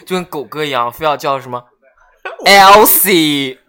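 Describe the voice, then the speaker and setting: A woman's voice: extremely low pitch, very fast, sharp tone. A woman in a casual podcast chat, blunt and teasing, who swears freely.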